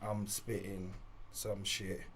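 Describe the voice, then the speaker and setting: Bright-voiced man, slangy. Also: on the low side, slow, slight background noise. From Reading, England. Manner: animated, laughing, heavy street slang. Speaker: podcast guest. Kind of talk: casual storytelling interview.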